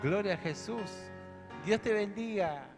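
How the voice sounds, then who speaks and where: A man, the pastor, leading a church service with loud, proclaiming calls of praise. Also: sits high, lively intonation, a little slow. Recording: distant mic with clear music behind.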